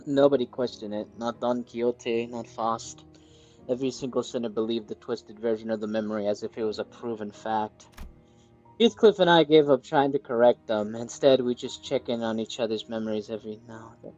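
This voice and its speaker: A young man reading a game's story aloud, stopping for excited, laughing asides as a streamer. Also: medium pitch, fairly quick, muffled recording, soft background music.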